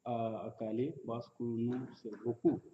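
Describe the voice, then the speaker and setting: A man in his thirties from Sudan, with a Sudanese accent, giving personal testimony in halting, broken French as a learner. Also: medium pitch, steady tone, a little hiss or hum. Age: 30s. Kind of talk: personal testimony at a public meeting. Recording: dull, echoey room, distant mic.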